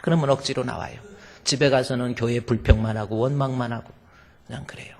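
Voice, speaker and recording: A man's voice: medium pitch, fairly even intonation, fairly quick, vocal fry. A male pastor preaching a sermon to his congregation, emphatic and full of rhetorical questions. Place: church sanctuary. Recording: long church reverb.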